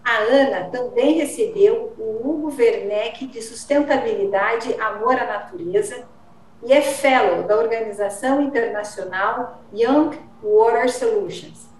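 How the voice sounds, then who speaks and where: A woman's voice: on the high side, measured pace, a little hiss or hum. A woman hosting an interview, introducing her guest in an admiring, formal way. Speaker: interview host. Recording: roomy, distant from mic.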